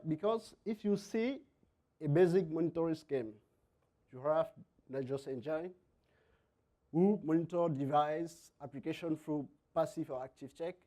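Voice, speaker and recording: A man from Cameroon with a French-Cameroonian accent gives a technical conference presentation in halting non-native English, sometimes repeating words. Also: a little high, mellow. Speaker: conference speaker, software engineer.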